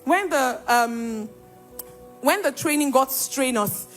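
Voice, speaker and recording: A woman's voice: high-pitched, lively intonation, takes it slowly, fairly bright tone, faint music behind. A young woman giving an emphatic church testimony and acting out the dialogue as she tells her story.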